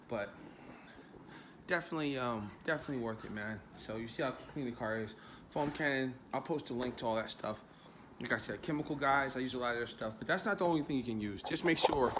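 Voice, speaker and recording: A laid-back man with a Philadelphia accent talks casually to his viewers, chatty and loose with his swearing. His voice sits at an ordinary middle pitch. Clear outdoor noise runs behind him. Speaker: car channel host. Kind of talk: casual vlog talk. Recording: noisy outdoor ambience.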